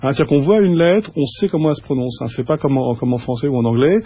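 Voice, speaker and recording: A man's voice: medium pitch, lively intonation, slightly rough, no echo. A man speaking as a guest on a radio show, explaining patiently and restarting his sentences often. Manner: explanatory, halting with many restarts and fillers. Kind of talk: radio studio conversation. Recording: dull lo-fi radio recording.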